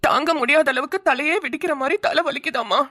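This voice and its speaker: A woman's voice: sits high, fast talker, bright, forceful tone. A woman playing a fussy doting mother-in-law. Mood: fussing. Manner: fretful, doting, dramatic worry. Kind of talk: cartoon voice acting.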